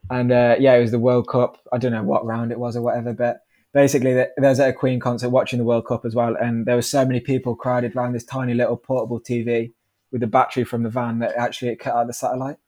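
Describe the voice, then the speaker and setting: A man's voice: medium pitch, little pitch movement, fast, a little mellow. A British man in his twenties chatting casually as an interview guest, informal and laid-back. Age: 20s. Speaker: podcast guest, professional cyclist. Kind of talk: casual chat.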